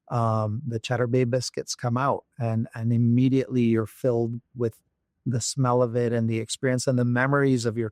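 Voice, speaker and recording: In a studio-quality recording with no room sound, a medium-pitched man from Barbados is a guest in an interview. The company executive answers thoughtfully, though with many fillers and restarts.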